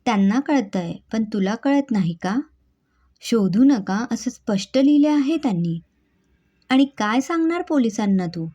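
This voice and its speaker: A callous, greedy young wife from a spoken story, as a woman narrator puts her on. She talks in an excited, chattering way. The voice is warm and breathy, and the recording is dull. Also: on the high side, unhurried. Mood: scolding.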